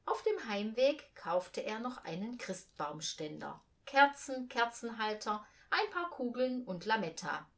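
Expressive female storybook reader with a lively voice. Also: fairly high pitch, unhurried, few pauses. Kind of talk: reading a children's story aloud.

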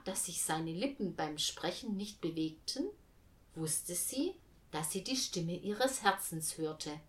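A woman reading a children's story aloud with clear, expressive storytelling. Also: fairly low pitch.

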